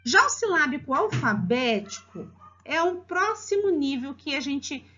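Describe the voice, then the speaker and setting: A woman with a Brazilian accent explaining children's writing levels to parents as a teacher, stretching words slowly syllable by syllable. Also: high-pitched. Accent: Brazilian Portuguese. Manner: lively, drawn-out slow spelling of syllables. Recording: slightly dull lo-fi recording.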